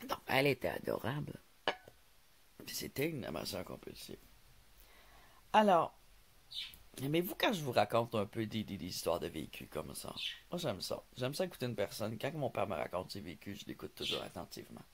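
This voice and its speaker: Chatty Québécois man, lively pitch. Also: moderate pace, vocal fry, a little hiss or hum. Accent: Québécois French. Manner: rambling, laughs often, stumbles on some words. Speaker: vlogger. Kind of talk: casual storytelling vlog.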